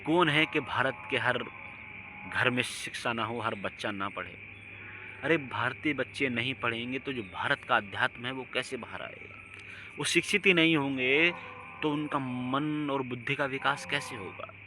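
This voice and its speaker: A man preaches outdoors with fervent, moralizing force, climbing into loud emphatic bursts before sinking to low, quiet phrases. His voice sits at an ordinary middle pitch. Crickets, insects and passing vehicles are clearly heard behind him. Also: normal speed, noisy background. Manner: preachy, rising to emphatic outbursts then dropping low. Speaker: religious speaker. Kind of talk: impassioned outdoor monologue.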